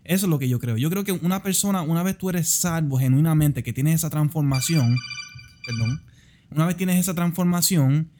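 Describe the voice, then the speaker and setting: Man, somewhat high, mellow tone, measured conversational argument. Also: a little hiss or hum. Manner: measured, lays out his belief step by step. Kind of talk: conversational theological discussion.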